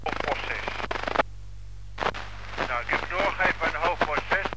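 A man's voice: on the high side, moderate pace. A man, a police unit commander, speaking over a walkie-talkie in clipped radio procedure, closing turns with "over". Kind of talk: two-way radio traffic. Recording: crackly archival radio transmission.

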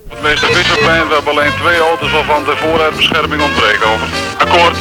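A man with a high voice comes through a police radio transmission. He gives brisk dispatch reports as a police officer and ends each one with "over". Loud music plays underneath. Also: fairly even intonation.

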